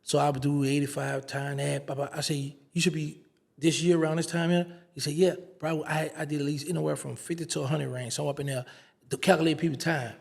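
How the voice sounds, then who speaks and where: A man's voice: a little high, quick pace, vocal fry, husky. A man, an interview guest telling a casual story and acting out the dialogue. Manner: animated storyteller, acts out quoted dialogue.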